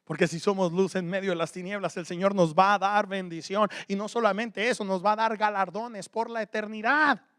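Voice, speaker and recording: Male preacher, high and bright, swinging from loud emphasis to quiet asides. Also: steady tone, brisk, few pauses, clear, resonant tone, no echo, studio quality. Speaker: pastor. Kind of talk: sermon.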